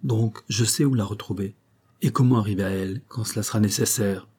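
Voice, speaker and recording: A man voicing a cautious police detective who speaks in a measured, thoughtful way. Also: lowish voice, a little mellow, breathy edge.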